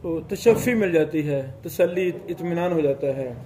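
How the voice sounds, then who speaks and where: A man teaching a religious studies class, explaining slowly, reciting Arabic passages and checking whether his students follow. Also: fairly high pitch, lively intonation, mellow, slight background noise. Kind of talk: classroom lecture.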